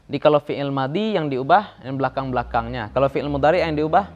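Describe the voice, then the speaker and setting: A man's voice: mid-range voice, fairly quick, dull audio. A man teaching an Arabic grammar class, chanting verb conjugations in a rhythm and joking about regional dialects. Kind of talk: classroom lecture.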